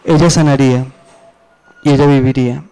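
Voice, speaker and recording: A man preaching a sermon, moving between slow, low pleading and raised, urgent questions. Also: fairly even intonation, warm tone, clear, resonant tone, low-quality recording.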